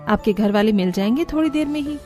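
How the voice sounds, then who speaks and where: A woman's voice: on the high side, lively intonation, fast talker, mellow, faint music behind, natural voice. A woman voicing a kind, modest young woman in a cartoon, polite and caring. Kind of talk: cartoon voice acting.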